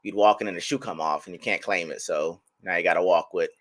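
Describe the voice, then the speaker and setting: A man's voice: low voice, quick pace, fairly bright tone. A man in his thirties, a podcast co-host, telling rambling, self-mocking stories in casual chat.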